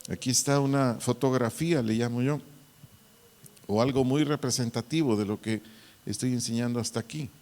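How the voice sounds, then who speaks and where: A man, a pastor, giving a Bible teaching, deliberately repeating and spelling out key words. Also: mid-range voice, a little mellow. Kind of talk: Bible teaching to church servers. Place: church hall. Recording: long hall reverb.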